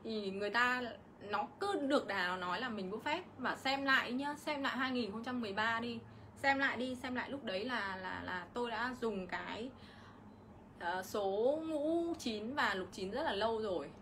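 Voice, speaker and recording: A woman's voice: a little high, moderate pace, a bit bright, a little hiss or hum. A middle-aged woman, ranting on a casual livestream vlog and hitting back at her critics with indignation. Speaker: vlogger.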